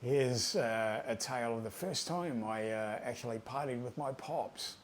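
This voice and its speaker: A man's voice: mid-range voice, a little slow, a little hiss or hum. A man, casually telling a profane, rambling anecdote about his tattoo mentor, full of fillers and asides. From Australia. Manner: laid-back, profane, conversational with fillers. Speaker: tattoo artist storyteller.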